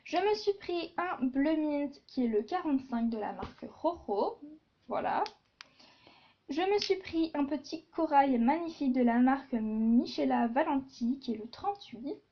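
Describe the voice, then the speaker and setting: A woman's voice: high voice, animated, a little slow, lo-fi sound. A woman chatting casually in a beauty haul video, with many fillers and asides. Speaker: beauty vlogger.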